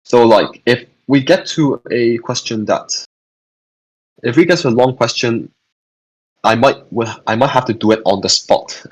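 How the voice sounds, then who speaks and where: A man's voice: mid-range voice, unhurried, husky, rough recording. A young man hosting an online physics revision session, talking casually, answering chat questions and often repeating and restarting his phrases.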